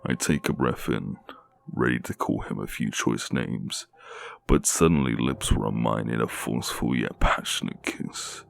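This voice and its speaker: A man with a low, haunting voice narrating a scripted scary story. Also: unhurried, creaky.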